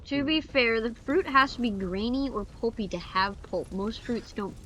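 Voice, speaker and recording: Playful woman streamer, bright and slightly high, loose rambly delivery. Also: normal speed, slight background noise, low-quality recording. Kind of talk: casual chat while streaming a game.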